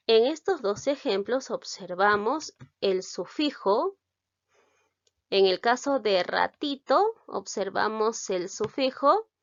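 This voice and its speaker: A woman from Peru with a Peruvian Spanish accent, teaching a recorded lesson, explaining slowly and carefully and checking in with the listener. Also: medium pitch, no room sound, lo-fi sound.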